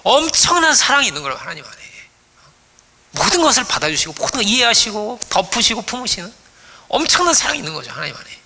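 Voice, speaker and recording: Lively, bright-voiced male pastor preaching. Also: high-pitched, fast talker. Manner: playful storytelling, acting out voices, frequent "어?" prompts to the congregation. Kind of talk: sermon.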